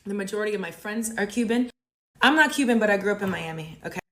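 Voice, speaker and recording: A woman's voice: medium pitch, expressive, fast, fairly bright tone. A woman speaking straight to her audience in an impassioned social media monologue, punctuating points with an emphatic "okay?".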